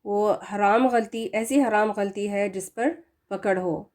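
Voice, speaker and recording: A woman teaching a recorded Quran recitation lesson who slows down to model correct and wrong pronunciations, with earnest, admonishing asides. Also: mid-range voice, fairly even intonation, a little mellow. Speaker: tajweed teacher.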